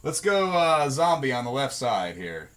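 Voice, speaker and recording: A man's voice: medium pitch, very animated, a little slow, background noise. A man hosting a casual demonstration video at an outdoor shooting range, joking in a laid-back way with frequent ums. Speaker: video host.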